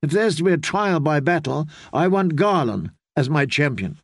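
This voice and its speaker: A man's voice: on the high side, animated, moderate pace, no echo, studio quality. A man reading an audiobook, voicing a young queen who is frightened and indignant. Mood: scornful. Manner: heated, indignant pleading.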